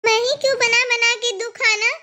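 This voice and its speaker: A woman plays a vain cartoon daughter-in-law who sulks and feels hard done by. She speaks in an extremely high, bright voice. Her tone is whiny and complaining. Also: little pitch movement, brisk, a little hiss or hum. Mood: sulky. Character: vain, self-pitying elder daughter-in-law. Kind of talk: cartoon voice acting.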